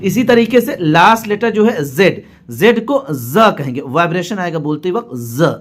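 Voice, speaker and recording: A male teacher gives a patient spoken lesson on the sounds of English letters. His voice sits a bit high for a man, and he repeats every example word slowly while checking that his listeners follow. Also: big pitch swings. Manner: often asks the viewer to notice and checks agreement.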